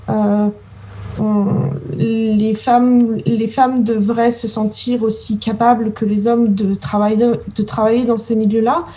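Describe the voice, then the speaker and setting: A woman's voice: fairly high pitch, warm tone, slight background noise, poor audio. A woman in her thirties answering interview questions as a scientist, hesitant and often searching for words. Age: 30s.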